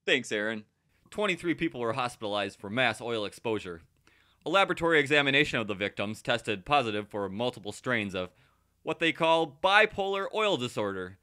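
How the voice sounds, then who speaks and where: A man playing a parody news anchor, earnest and deadpan, reading a scripted satirical newscast. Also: medium pitch, brisk.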